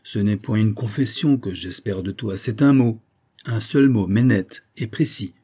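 A man's voice: fairly low pitch, a little slow, mellow, husky. A man voicing a frank, fatherly older baron who speaks earnestly and cordially. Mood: warm.

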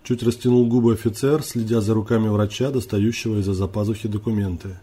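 A man reads a story aloud in an audiobook style. His voice is dark and mellow with a husky edge. He voices the dialogue by lifting his pitch. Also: steady tone, fast talker. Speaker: narrator.

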